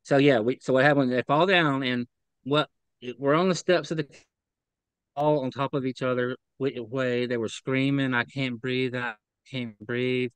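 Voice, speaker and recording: A man's voice: mid-range voice, fairly even intonation, smooth, no room sound, poor audio. A man giving a guest's testimony over a video call, speaking earnestly and stumbling over repeated words. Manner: earnest, halting, repeats words when upset. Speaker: interview guest. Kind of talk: remote interview testimony.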